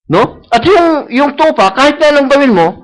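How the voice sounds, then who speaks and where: High-voiced preacher. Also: male voice, expressive, normal speed, rough recording. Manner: mixes English phrases into Tagalog, repeats key phrases; asks the congregation for agreement. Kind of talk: sermon. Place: church service.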